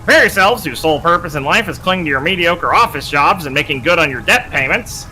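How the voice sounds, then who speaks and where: Guy putting on a smug cold scientist dude, bright sharp voice, slow formal lines, faint game music behind. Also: a little high, lively intonation, voice pushed up, low-quality recording. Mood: haughty. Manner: slow, haughty, formal speech. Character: cold arrogant male researcher, callous and self-important.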